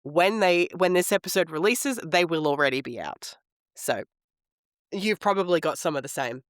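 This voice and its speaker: A man hoarse from a head cold, with a smoker's rasp, chatting casually and informally as a podcast co-host. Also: fairly high pitch, animated, normal speed, fairly bright tone, dry recording, clean studio sound. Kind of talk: casual chat about books.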